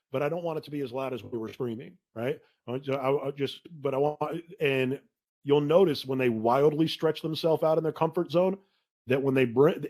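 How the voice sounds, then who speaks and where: A man hosting a casual podcast conversation, telling stories in an animated way and saying "dude" a lot. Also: mid-range voice.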